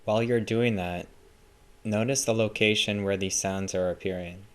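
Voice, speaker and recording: A man with a lowish voice guides a scripted meditation. He speaks calmly and in a measured way, offering gentle instructions.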